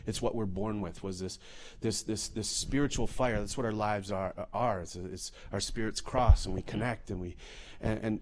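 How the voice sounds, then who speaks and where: A man from Canada giving a comedic storytelling talk, animated and full of restarts and repeated words. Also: medium pitch. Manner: animated, many restarts and repetitions. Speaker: public speaker.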